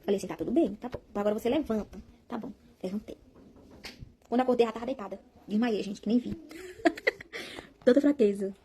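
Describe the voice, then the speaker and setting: A woman's voice: mid-range voice, fast, warm tone, a little hiss or hum. A young Brazilian woman telling a personal testimony to her viewers in a rambling, emotional way, repeating words and calling out to them. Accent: Brazilian Portuguese. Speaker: vlogger sharing a personal testimony.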